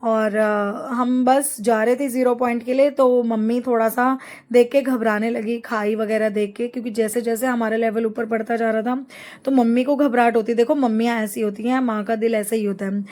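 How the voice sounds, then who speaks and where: A middle-aged woman narrating a family travel vlog in a chatty, rambling way, pausing to find words. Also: fairly high pitch, fairly even intonation, a little mellow. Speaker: travel vlogger.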